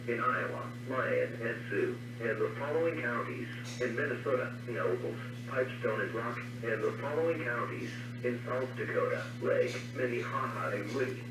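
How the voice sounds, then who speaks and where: A male weather alert voice heard over a radio receiver, reading in a clipped, even, machine-like way. The sound is distant and roomy, with a steady hiss of static behind it. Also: mid-range voice. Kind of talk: automated weather bulletin reading. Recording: echoey, noisy radio heard from afar.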